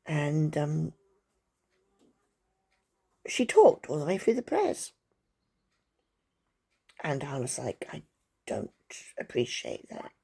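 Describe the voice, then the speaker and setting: A woman's voice: low-pitched, very animated, slow, gravelly, pauses often, mellow, slightly rough. An older woman chatting at home to her viewers, rambling through a story with asides to her dog. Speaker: vlogger. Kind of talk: casual chat to camera. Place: at home, indoors.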